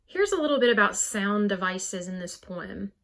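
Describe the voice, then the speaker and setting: A woman's voice: medium pitch, sing-song, moderate pace, fairly bright tone. A woman teacher giving a recorded poetry lesson, explaining carefully and stressing words to show rhythm.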